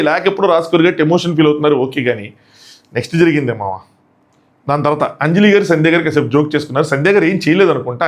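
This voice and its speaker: Fast high-voiced mocking man. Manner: mocking and excitable, slangy asides. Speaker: show reviewer and host. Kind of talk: casual comic review.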